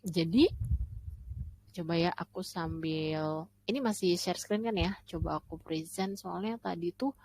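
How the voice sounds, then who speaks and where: A woman's voice: on the low side, measured pace, rough recording. Chatty young woman. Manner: chatty, relaxed, many fillers, acts out quotes. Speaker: Quran study host. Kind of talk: casual religious study talk. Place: home, online livestream.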